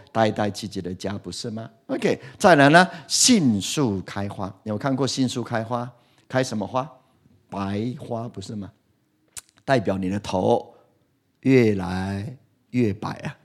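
A middle-aged man preaching a sermon. He keeps asking the congregation questions and swings from loud to soft. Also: on the low side. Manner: lively, asks the congregation questions, animated swings in loudness. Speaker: pastor.

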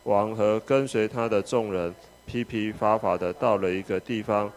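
A man reading a scripture passage aloud at a steady, measured pace. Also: lowish voice. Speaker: scripture reader.

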